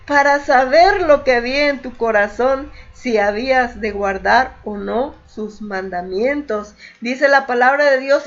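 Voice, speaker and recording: A woman from Mexico preaches to a women's study group with a high voice. She speaks slowly and earnestly, repeating phrases and answering her own questions. The sound is dull and lo-fi, like a live audio stream. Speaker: pastor's wife leading a women's Bible study. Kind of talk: sermon.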